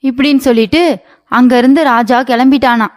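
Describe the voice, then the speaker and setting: A woman's voice: high-pitched, steady tone, fairly quick, a little mellow. A woman narrating a cartoon story in a folksy storytelling manner.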